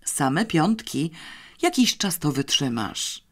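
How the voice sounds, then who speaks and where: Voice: mid-range voice, big pitch swings, slow pace, exaggerated voice. A reader doing Janeczka, a bossy clever schoolgirl. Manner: confident, scheming, a little scornful.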